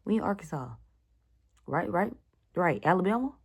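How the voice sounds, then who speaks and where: A woman's voice: deep voice, moderate pace, gravelly, warm tone, breathy edge. A young woman telling a story to her viewers in a blunt, slangy, profane rant. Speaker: vlogger. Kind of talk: casual storytime vlog.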